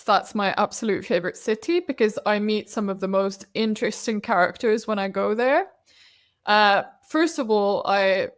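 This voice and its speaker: A woman from Finland whose native language is Swedish appears as a podcast guest; she works as a CEO ghostwriter. Her mid-range, medium-pitched voice suits the casual interview chat, where she's a chatty storyteller full of anecdotes and frequent restarts.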